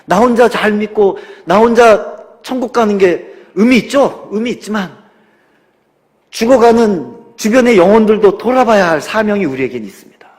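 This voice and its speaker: Pastor guy preaching, kinda high voice, acts out the people in his story, drops to almost whispering, long echo in the hall. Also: animated, moderate pace. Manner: dramatic storytelling, acting out quoted parents and son; swings from loud exhortation to near-whisper. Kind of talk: sermon.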